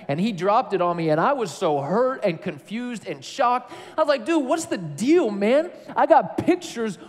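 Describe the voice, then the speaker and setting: High-voiced pastor preaching in a reverberant hall. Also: male voice. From Tennessee. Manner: storytelling, conversational and animated. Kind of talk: sermon.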